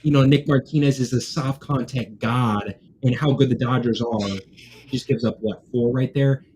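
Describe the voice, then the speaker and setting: A young man hosts a casual sports live stream in an easygoing frat-bro style. His talk is full of slangy bro and dude, pitched in an ordinary male range. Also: fairly even intonation, normal speed, darkish tone, slight background noise. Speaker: sports watch party host.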